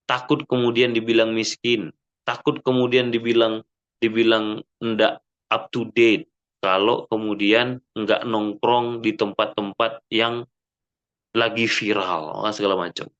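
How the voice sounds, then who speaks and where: A man giving an Islamic sermon in a mosque, lively and full of rhetorical questions, often checking with the audience. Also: lowish voice, unhurried, muffled recording. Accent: Indonesian. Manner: frequent "ya kan?" checks with the audience. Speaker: preacher.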